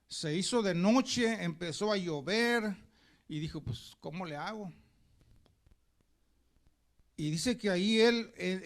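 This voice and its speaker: A pastor preaching a sermon, telling a story and calling the congregation brothers as he goes. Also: high-pitched.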